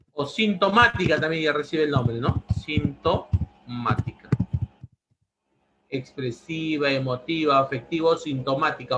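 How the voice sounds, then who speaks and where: A man's voice: on the high side, background noise. A man teaching a language lesson, repeating each answer several times. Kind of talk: pre-university language lesson.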